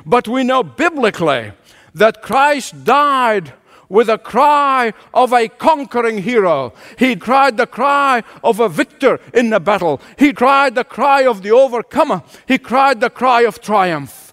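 A man's voice: extremely high pitch, expressive, a little slow, a bit bright, in a large hall. A man preaching a sermon as pastor, emphatic and driving home points through repetition. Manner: emphatic preaching with repeated phrases.

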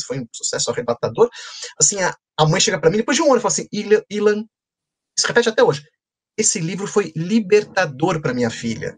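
A man telling stories with a slightly husky edge to his voice. His pitch swings widely as he goes, animated and playful. He is a children's author chatting in a conversation. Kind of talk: storytelling in a conversation.

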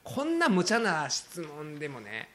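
A man with a Kansai accent tells a story on his podcast, quick and animated, often laughing as he quotes people. His voice sits a little high and swings widely. Faint noise hums behind him. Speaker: podcast host. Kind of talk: casual radio-style podcast talk.

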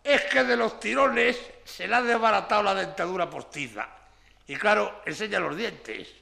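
A very creaky, highish-voiced henchman from a Spanish comedy. He is slow-witted, stubborn and well-meaning, earnestly repeating himself in a Spain accent. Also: animated, sharp tone, heavily acted. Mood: matter-of-fact. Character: dim, stubborn, good-hearted gang underling.

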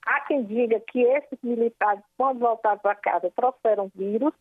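Woman, history professor, hesitant with fillers, rather high voice, tinny dry phone line. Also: normal speed, dry recording. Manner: hesitant, many filler sounds. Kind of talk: interview explanation. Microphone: telephone.

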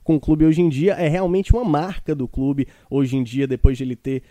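A man co-hosting a sports talk show in a measured, explanatory way. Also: on the high side, fairly even intonation, warm tone, dry recording.

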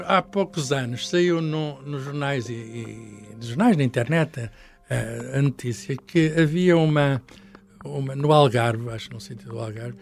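A man's voice: fairly high pitch, gravelly. An older man with a European Portuguese accent, a science professor explaining things in casual chat, hesitant with many restarts and fillers.

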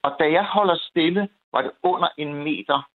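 A man calling in to a radio show, telling a story in an animated, swearing way. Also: fairly high pitch, no room sound. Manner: animated, swearing storyteller, gets loud when retelling shouting. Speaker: caller. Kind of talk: phone-in storytelling. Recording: tinny phone line.

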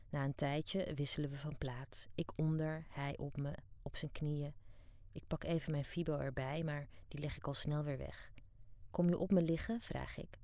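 A woman's voice: extremely low pitch, creaky, a little mellow, dry recording. Woman, middle-aged, from Amsterdam, audiobook diary narration, frank, dry studio sound. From Amsterdam, Netherlands. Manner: frank, wry and down-to-earth. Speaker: narrator and author.

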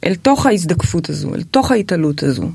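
A woman hosting a podcast, guiding her guest through a word-association exercise in a brisk, directive, encouraging way. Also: on the low side, big pitch swings, creaky, darkish tone, slightly rough.

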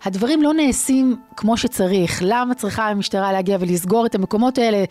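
A woman with an Israeli accent giving conversational news analysis as an investigative journalist and co-host, pausing often mid-phrase. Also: medium pitch, darkish tone, no room sound.

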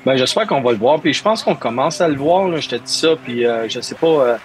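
This mid-range male voice is lively in intonation and brisk in pace. It belongs to a Montreal hockey coach with a Quebec French accent who stumbles, hesitates and repeats words while answering an interviewer.

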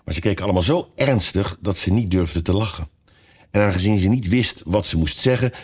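A man reading a children's story aloud as narrator, with expressive storytelling. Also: low voice, husky. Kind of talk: audiobook reading.

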